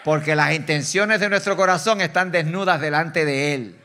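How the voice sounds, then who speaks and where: A man with a Puerto Rican accent preaching an animated sermon as a guest preacher, teasing the congregation and swinging between loud bursts and quiet asides. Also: a little high, normal speed, background noise. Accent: Puerto Rican Spanish. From Puerto Rico. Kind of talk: lively sermon. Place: church sanctuary.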